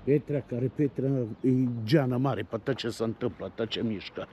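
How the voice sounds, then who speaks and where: A man's voice: medium pitch, a little mellow, roomy sound, a little hiss or hum. A man, rambling colloquially as he talks straight to his viewers in a casual vlog. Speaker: vlogger.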